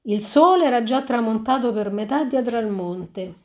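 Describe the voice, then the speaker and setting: A woman reading a fairy tale aloud and pausing to reflect on it, talking in a halting way with frequent restarts. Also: on the high side, expressive, a little mellow. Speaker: storyteller.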